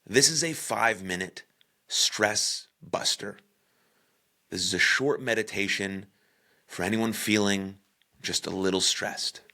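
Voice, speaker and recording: Leading a guided meditation for his podcast, a man speaks in brief, calm phrases and leaves deliberate pauses in between. The pace is very slow, and his low, creaky voice comes out husky and breathy.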